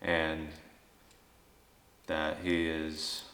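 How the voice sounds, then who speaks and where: A man's voice: a bass voice, completely flat delivery, extremely slow, a bit bright. A man hosting a paranormal vlog, talking casually and putting questions to spirits in an echoey indoor space. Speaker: host of paranormal investigation vlog. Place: inside an old general store at night. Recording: echoey reverberant large indoor room.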